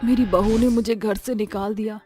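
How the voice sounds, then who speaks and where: A woman voicing a gentle, pleading old mother-in-law in a storybook tale, speaking softly and meekly. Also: mid-range voice, fairly even intonation, moderate pace, breathy edge, faint music behind, lightly acted. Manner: soft, meek and pleading. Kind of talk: storybook voice acting.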